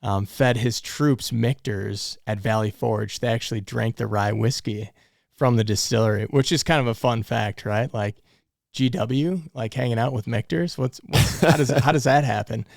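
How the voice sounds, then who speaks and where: A man's voice: mid-range voice, normal speed, creaky, no room sound, clean studio sound. A man co-hosting, chatting casually and often asking "right?". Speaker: co-host. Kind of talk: casual chat.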